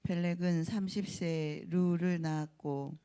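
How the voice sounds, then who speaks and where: Mellow, smooth responsive scripture reader. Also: medium pitch, steady tone, unhurried. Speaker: congregant reading responsively.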